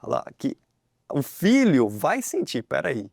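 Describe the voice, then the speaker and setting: Measured Brazilian man, dry studio sound. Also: fairly high pitch, huge pitch swings, gravelly, a little mellow, no echo. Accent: Brazilian Portuguese. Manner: measured, hesitant, with many affirmations. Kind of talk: religious family talk.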